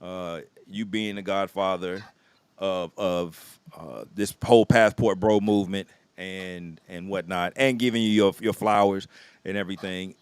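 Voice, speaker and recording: A man's voice: deep voice, fairly even intonation, measured pace, clean tone, no room sound. A man hosting a casual chat in an easygoing way, often affirming his guests. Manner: easygoing, affirming with frequent yeahs. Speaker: host.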